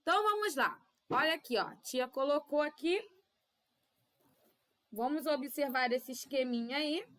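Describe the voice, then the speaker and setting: A woman with a Brazilian Portuguese accent teaching young children in a recorded class, with drawn-out syllables and constant "tá?" checks. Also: sits high, expressive, a bit bright. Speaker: primary school teacher.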